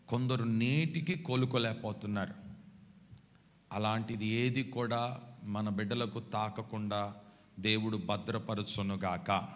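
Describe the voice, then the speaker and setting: A male pastor preaching a sermon. He repeats his phrases for emphasis and keeps urging the congregation to answer him louder. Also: fairly low pitch, a little hiss or hum. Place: church hall. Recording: long hall reverb.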